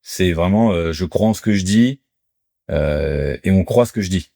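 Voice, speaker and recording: A man with a low, mature-sounding voice talks through sales techniques in a relaxed interview. He is lively and playful, breaking into little acted-out pitches as he explains. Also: moderate pace, vocal fry, no room sound, studio quality. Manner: animated, lively storyteller who acts out sales pitches. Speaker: podcast guest, salesman. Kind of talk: casual conversational interview.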